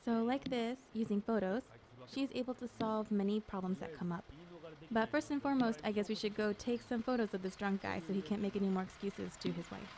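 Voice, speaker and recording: Female dub narrator, mid-pitched, casual developer-style commentary over gameplay. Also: fairly quick, a crowd in the background. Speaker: English dub narrator speaking a game director's commentary. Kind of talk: casual walkthrough commentary on a video game.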